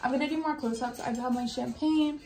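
A woman's voice: high-pitched, steady tone, fairly quick, a little mellow, reverberant. A young woman in her twenties chatting casually to her vlog camera, bubbly and full of filler words. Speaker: vlogger. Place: her mom's house, indoors. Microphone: handheld vlog camera.

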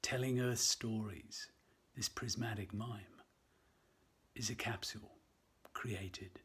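A man from Canada speaks a poem slowly, his low voice breathy and hushed. The recording puts him a little away from the mic. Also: steady tone. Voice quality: breathy, half-whispered. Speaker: poet reciting. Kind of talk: slow recited poem.

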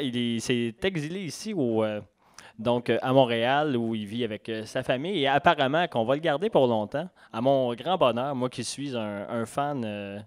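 A man with a Québécois accent hosts a poetry evening at a library café. He rambles through a guest introduction, padding with fillers. His voice sits at a middle pitch, with a dry, close sound. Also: clear, resonant tone, dry recording. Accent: Québécois French. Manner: rambling, filler-heavy, chatty. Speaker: event host. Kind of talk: introducing a guest at a live reading.

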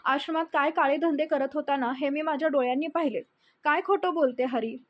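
A woman's voice: high voice, fairly quick, lo-fi sound, a little hiss or hum, lightly acted. A woman reading the lines of a young wife who protectively and indignantly defends an old man.

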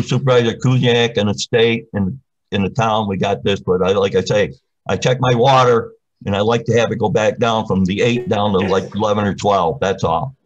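Plainspoken low-voiced man commenting. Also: dull audio. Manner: plainspoken, rambling. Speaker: resident giving public comment. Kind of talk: public comment at a meeting.

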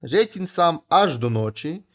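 A man reading folk tales aloud in an animated storytelling manner. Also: fairly high pitch, moderate pace.

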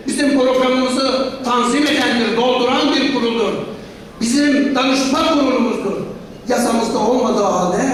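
A woman delivering an impassioned, combative convention speech as an association leader, full of rhetorical questions and emphatic repetition. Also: on the high side. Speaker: professional association leader addressing an assembly. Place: large assembly hall, speaking from a podium. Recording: echoey hall, distant mic, noisy.

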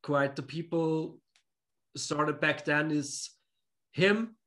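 A relaxed Austrian musician, a guest in a casual interview chat, talks over a video call from a home room with pictures on the wall. His voice sits on the high side and he speaks very slowly, using simple phrasing in non-native English.

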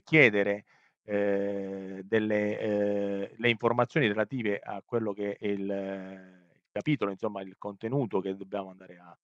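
Hesitant man on a muffled call. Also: dry recording. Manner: hesitant, full of fillers and restarts. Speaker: webinar presenter. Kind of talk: halting presentation with many fillers. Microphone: video call. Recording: muffled low-fidelity web call audio.

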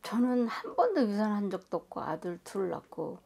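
A middle-aged woman as a client at a fortune reading, giving quiet, short replies. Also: medium pitch, very animated, moderate pace, creaky, breathy edge. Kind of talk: fortune-telling consultation.

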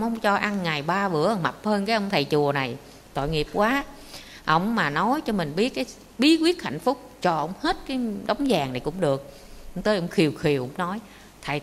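A woman, a Buddhist nun giving a lively dharma talk with rhetorical questions. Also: mid-range voice. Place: meditation monastery hall. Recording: echoey hall with faint noise.

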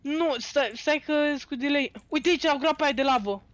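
High-pitched bossy young man, dry sound. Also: dry recording. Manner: bossy, teasing, shouts instructions. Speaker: co-player. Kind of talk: casual live gameplay chat.

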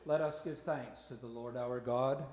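A man acting as presiding minister, leading a liturgical prayer in a slow, measured intoning voice, with a long cathedral-like echo in a large church. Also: medium pitch, steady tone, crowd noise. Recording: echoey church hall with music.

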